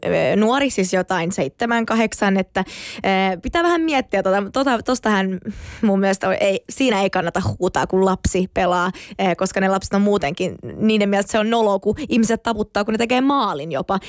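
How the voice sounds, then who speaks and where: A woman's voice: mid-range voice, dry recording, studio quality. A woman, a handball fan and player, talking casually on a radio show in a chatty way, with many fillers and restarts.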